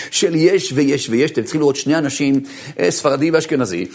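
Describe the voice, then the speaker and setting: A rabbi gives a lecture that is full of anecdotes. His voice is gravelly and husky and sits a touch high for a man. He tells his stories with wide swings of pitch, dropping to murmurs and then jumping up. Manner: expressive storyteller, swings from low murmurs to high bursts; laughs while telling stories. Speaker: rabbi giving a course lecture. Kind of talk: animated lecture with storytelling.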